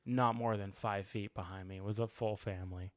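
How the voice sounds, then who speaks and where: A man's voice: on the low side, steady tone, moderate pace, dry recording. A man co-hosting a podcast, telling stories in casual chat, laughing a lot and swearing freely. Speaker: podcast co-host.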